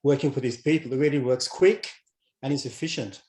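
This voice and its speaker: A man's voice: medium pitch, fairly quick, darkish tone, reverberant. A man with a German accent in a video call discussion, speaking earnestly and repeating words. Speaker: discussion participant.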